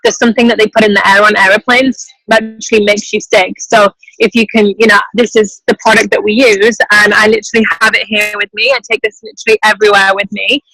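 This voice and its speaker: A woman's voice: mid-range voice, level tone, quick pace, few pauses, pushed and bright, rough recording. A woman in her twenties from England, enthusiastic and informal, giving a motivational testimonial on a call from an airport terminal. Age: 20s. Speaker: team member giving a testimonial on a group call. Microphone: group video call.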